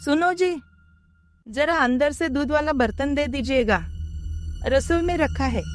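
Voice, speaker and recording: A man's voice: extremely high pitch, measured pace, voice pushed up. A man voicing a frightened young village wife. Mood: calling. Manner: stammering in fright. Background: faint music.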